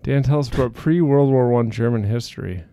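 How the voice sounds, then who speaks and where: A man co-hosting a podcast in casual chat, playful and quick to laugh, a little out of breath. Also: mid-range voice, vocal fry, warm tone, dry recording, studio quality. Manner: playful, laughs often, hums tunes. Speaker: podcast co-host.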